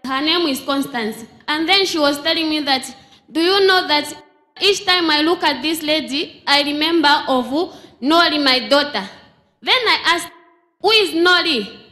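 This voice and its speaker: Bright high woman from Zambia testifying. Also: a little slow. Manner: earnest storytelling. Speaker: testifying congregant. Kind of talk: church testimony. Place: large church hall. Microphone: handheld mic. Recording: echoey church hall.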